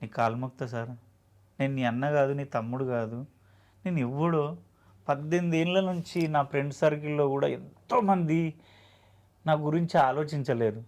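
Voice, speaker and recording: An actor guest with a Telangana Telugu accent and a fairly high, slightly mellow voice tells his story at normal speed in an emotional interview. His manner is earnest, heartfelt, and plainspoken.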